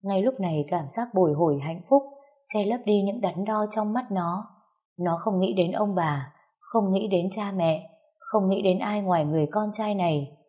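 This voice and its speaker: A woman narrating a romance story in a measured, emotional reading. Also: mid-range voice, warm tone.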